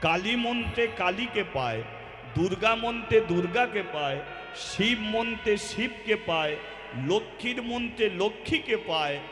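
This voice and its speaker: A man's voice: high-pitched, lively intonation, a little slow. A man with a Bengali accent gives a devotional sermon, asking his listeners rhetorical questions, then leads a call-and-response chant. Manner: preaches with rhetorical questions and acts out homely examples. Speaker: kirtan singer and preacher. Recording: roomy live hall with loud music.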